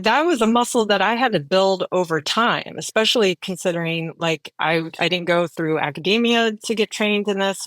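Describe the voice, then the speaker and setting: A woman's voice: on the low side, fairly bright tone, no room sound. A woman answering as a podcast guest, reflective and casual, often checking in with "right?". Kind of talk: conversational interview answer.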